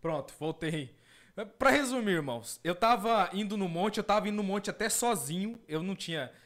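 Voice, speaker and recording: Expressive and fairly bright in tone, a high-pitched male evangelical host speaks at normal speed. He gives an earnest testimony with reaction commentary, repeating phrases and calling his listeners brothers.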